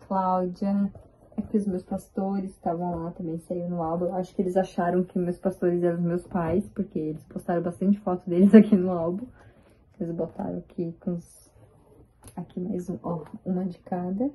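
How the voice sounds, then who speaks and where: A woman vlogger chatting excitedly as she shows her photo album, with drawn-out exclamations. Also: mid-range voice, husky. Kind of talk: casual chat showing a photo album. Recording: tinny, phone-like sound.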